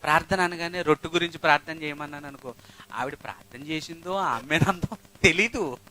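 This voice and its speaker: A male pastor preaching a lively sermon into a microphone, firing off rhetorical questions and swinging between loud exhortation and quiet asides. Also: a little high, fairly quick, rough recording. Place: church. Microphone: handheld microphone.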